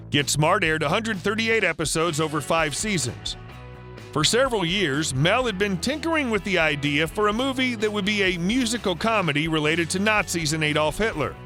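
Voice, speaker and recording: A man reading a scripted biographical narration in an even, read-aloud way. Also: high voice.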